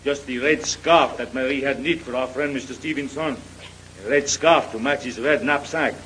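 An actor playing an excitable French innkeeper in an old-time radio drama, speaking broken English with a French accent and a fussy manner. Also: male voice, medium pitch, normal speed, slight background noise, close to an everyday voice, low-quality recording. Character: excitable French innkeeper, middle-aged man.

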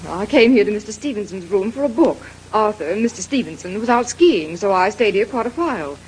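An actress playing a vain, bored society fiancée with a haughty manner in an old-time radio drama. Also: female voice, medium pitch, expressive, a little fast, darkish tone, a little hiss or hum, lightly acted, low-quality recording. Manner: haughty, languid.

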